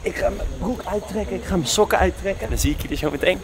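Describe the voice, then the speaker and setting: A man in his twenties with a Netherlands Dutch accent, chatting casually and excitably in slangy vlog style. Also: sits high, quick pace, heavy background noise. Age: 20s. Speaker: vlogger. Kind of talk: casual vlog chat during a game of hide-and-seek. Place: large villa, moving between rooms and outdoor terrace. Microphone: handheld camera at arm's length.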